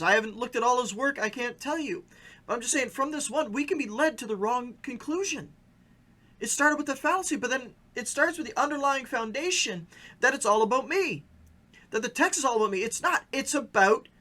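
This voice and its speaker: Earnest bright-voiced male pastor podcaster. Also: extremely high pitch. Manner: earnest and emphatic, with frequent stammered restarts. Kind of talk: preaching-style podcast commentary.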